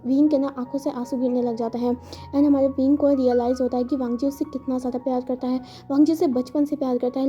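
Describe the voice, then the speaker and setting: A woman retells a fan story in a quick, chatty way, correcting herself and leaning on fillers. Her voice is high but dark and flat. The recording sounds dull and lo-fi.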